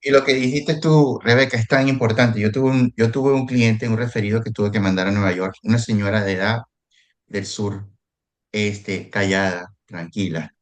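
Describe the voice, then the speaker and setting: Low-voiced man telling a story in a group chat. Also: moderate pace. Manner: animated storytelling, repeats words when restarting. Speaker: real estate agent and mastermind co-host. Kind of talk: casual group discussion.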